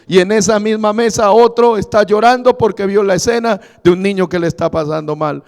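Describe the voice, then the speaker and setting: A man preaching a sermon as pastor, telling stories softly and then building to loud preaching. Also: sits high, fairly quick. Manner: storytelling, quietly quoting others, then rising to loud preaching. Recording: long reverb of a church hall.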